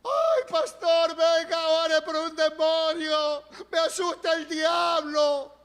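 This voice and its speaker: A man voicing a frightened churchgoer woman, frantically pleading in a shrill voice. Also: takes it slowly, a bit bright, heavily acted. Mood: panicked. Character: panicked churchgoer woman begging for the pastor. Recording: long church reverb.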